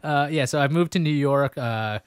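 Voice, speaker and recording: A man's voice: on the high side, moderate pace, clear, resonant tone, no room sound, clean studio sound. A man hosting a casual interview show, rambling and joking about himself. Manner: rambling, self-mocking, jokey. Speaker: host. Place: New York.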